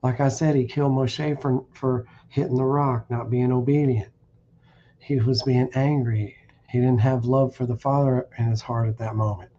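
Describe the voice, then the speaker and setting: Blunt preaching man, mellow voice. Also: mid-range voice, steady tone, normal speed, dull audio, slight background noise. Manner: blunt, warning, reads verses aloud with restarts. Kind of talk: streamed scripture teaching. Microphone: streaming setup.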